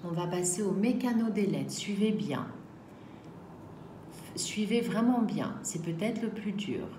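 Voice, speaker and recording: A woman teaching a reading lesson to young children, sounding out each syllable slowly and carefully. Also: mid-range voice, expressive. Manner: slow, carefully articulated syllables. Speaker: primary school teacher. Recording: echoey room, faint background noise.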